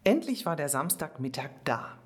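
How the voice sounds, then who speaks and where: Low-voiced woman reading a children's story. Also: very animated, normal speed. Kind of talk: scripted children's story narration.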